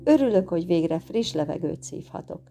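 A woman voicing a tiny, brave and cheeky boy in a storybook reading, with guitar music behind. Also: animated. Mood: cheerful. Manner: shrill shouting.

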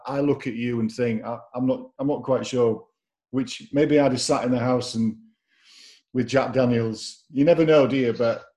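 Informal male interviewer, mid-pitched voice. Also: dark tone. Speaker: interviewer, host. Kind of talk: casual conversational interview.

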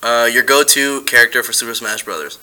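Male podcast host, mid pitch, bright tone, slangy and joking. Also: fairly quick, low-quality recording. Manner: laid-back, joking, slangy. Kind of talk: casual podcast interview.

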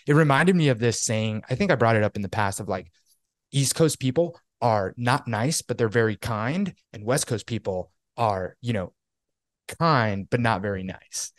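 A podcast co-host, a young man from New York, chats casually and tells a lively story loaded with fillers. His mid-range voice keeps a moderate pace on a dry recording.

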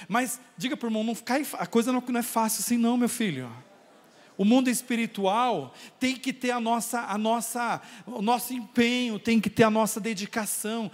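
A man preaching a sermon as pastor, calling on the congregation to raise their hands and answer back. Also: high-pitched. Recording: long reverb of a church hall.

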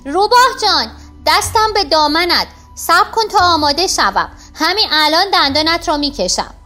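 A woman doing a high, jittery rabbit. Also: big pitch swings, fairly bright tone, faint music behind. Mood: pleading. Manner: anxious, pleading and flustered. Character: timid rabbit posing as a wise healer. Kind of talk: storybook character voice.

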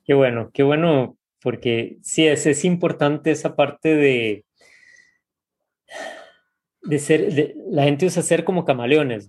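A man from Rica, hosting a relaxed interview in a reflective way. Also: mid-range voice. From Costa Rica. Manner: reflective, often tags with ¿verdad?. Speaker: podcast host. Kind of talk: casual interview.

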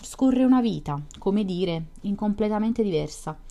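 A woman's voice: mid-range voice, expressive, unhurried, dark tone. A woman reading as a lonely young male dreamer. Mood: earnest, wistful. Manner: earnest, reflective storytelling. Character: shy, solitary young male dreamer, earnest and wistful. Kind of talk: audiobook reading of a novel.

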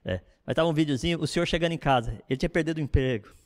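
A middle-aged man, a pastor, preaching a sermon in an animated, conversational way with frequent asides to the congregation. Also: a little high, rapid-fire, in a large hall.

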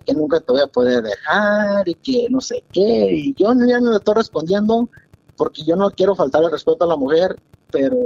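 Man, high but mellow voice, rambling caller, muffled phone audio. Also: creaky, no room sound. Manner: rambling, confessional. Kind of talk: casual phone-in storytelling.

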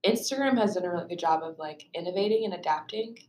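A young woman co-hosting a podcast, talking in a relaxed, measured way with many fillers. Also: lowish voice, echoey room, a little hiss or hum. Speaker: podcast co-host. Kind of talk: casual podcast chat.

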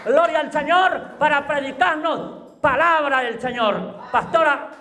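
A man's voice: very high voice, a little slow, sharp tone. A man exhorts a congregation as pastor, emphatic and fervent, repeating phrases and punctuating them with praise. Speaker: pastor introducing a guest preacher. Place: village church. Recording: live church with congregation.

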